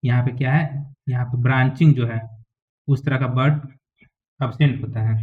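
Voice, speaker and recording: Male teacher, classroom lecture, step-by-step explaining, keeps checking students follow, phone-like lo-fi sound. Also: medium pitch. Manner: explains step by step, often checks with "ठीक है" and "समझ में आ गया?". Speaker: biology teacher. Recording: tinny phone-like lo-fi recording.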